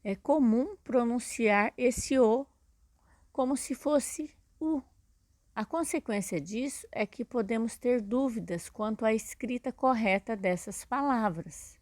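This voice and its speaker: A woman's voice: a little high, takes it slowly, a little mellow, no echo. A woman teacher with a Brazilian Portuguese accent giving a recorded lesson, explaining step by step and checking in with "né?" and "tá?". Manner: patient, explains step by step with many "né?" and "tá?".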